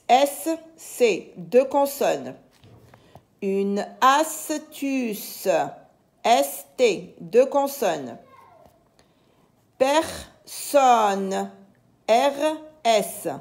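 A woman teacher giving a slow reading lesson to young pupils, saying each word with care and spelling out the letters. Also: fairly high pitch, dark tone. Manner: slow, deliberate, over-articulated dictation.

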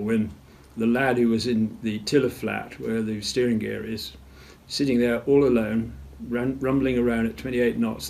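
An older man recalls events at a measured storytelling pace in an interview, often clearing his throat. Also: mid-range voice, a little mellow. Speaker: retired naval officer interviewee. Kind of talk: interview recollection.

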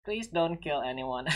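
Male game streamer, unhurried, chatty, reassuring, repeats himself. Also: on the high side. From Indonesia. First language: Indonesian. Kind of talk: casual gaming live stream chat.

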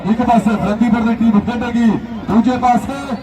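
A man's frantic rural kabaddi commentary comes through an echoey, distant outdoor PA at a village sports ground, amid crowd noise. He chants names, lists of players and repetitive rhyming phrases in an extremely high, flat voice at a moderate pace.

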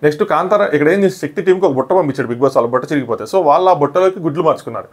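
A man recapping a reality show episode in casual commentary, rushing through events and briefly acting out quoted lines. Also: fairly high pitch, animated.

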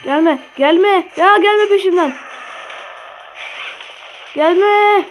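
A woman with a Turkish accent giving live commentary on her own gameplay, swearing and shouting at opponents. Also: very high-pitched, drawn-out words. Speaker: gaming channel host. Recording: faint game music behind.

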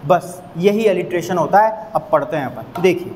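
A man's voice: high voice, animated, darkish tone, slight background noise, poor audio. A man teaching English literary terms with a Hindi accent, repeating points and drawing out example sounds. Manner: repetitive, emphatic, drills sounds slowly. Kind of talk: explaining a literary term to students.

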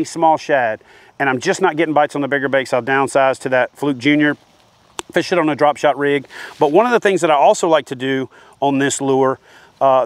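A man's voice: mid-range voice, no echo. Man giving outdoor fishing tips. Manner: practical, steady explaining with hands-on demonstration. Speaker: fishing instructor. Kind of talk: instructional talk to camera. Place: outdoors by a wooden shed. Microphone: lapel mic.

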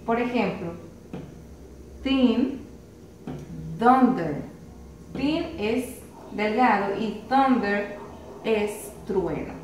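A woman teaching a pronunciation lesson, slowly spelling out letters and repeating each word with patience. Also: medium pitch, a little mellow, far from the mic. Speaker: English teacher. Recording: roomy echo, voice from afar, faint hiss.

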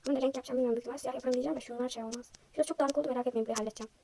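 Fast-chatting young woman, slightly hoarse. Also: high-pitched, steady tone, warm tone, slight background noise. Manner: chatty, self-deprecating, thinking aloud. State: slightly hoarse, sore throat. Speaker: vlogger. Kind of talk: casual chat while drawing.

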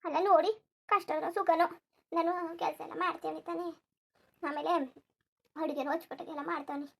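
A put-upon young village daughter-in-law, voiced by a woman for a family cartoon, rambling through her grievances. Her voice sits high and her pace is quick, and she. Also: creaky, a bit bright. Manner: complaining, rambling grievance monologue. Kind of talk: cartoon voice acting.

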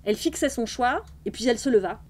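Woman, library host, reading aloud, measured storytelling, slightly high voice. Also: animated. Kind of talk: reading a novel aloud on a live stream.

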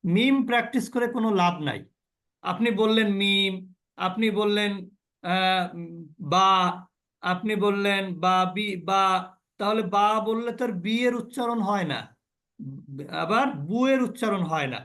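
A man's voice: high voice, a little slow, pauses often, fairly bright tone. A man teaching a class on the pronunciation of Arabic letters, drilling sounds and asking his students questions. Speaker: Quran recitation teacher. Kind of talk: online class lesson.

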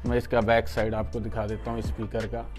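Here a product reviewer and channel host, an Indian man, unboxes and demonstrates an item, explaining step by step, addressing viewers warmly and repeating his points. His voice sits on the low side, monotone and a little fast, with faint music behind it.

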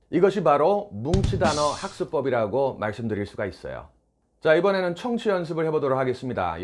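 A man hosting an English lesson, explaining in a clear, lively way and reading English phrases slowly for learners to repeat. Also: mid-range voice. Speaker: English teacher and channel host. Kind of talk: instructional lesson.

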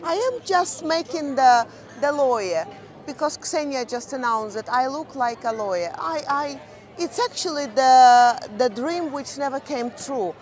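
A woman's voice: sits high, lively intonation, unhurried. A woman co-hosting a travel vlog, chatting casually and searching for words as she walks along a busy outdoor harbour at night. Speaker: vlog co-host. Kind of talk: casual chat while walking. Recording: noisy crowd behind. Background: crowd chatter.

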